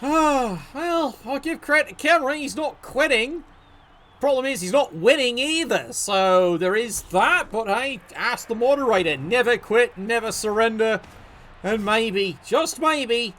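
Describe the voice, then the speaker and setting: A man's voice: very high voice, fairly bright tone. A man commentating a video game league match, sarcastic, joking and swearing freely.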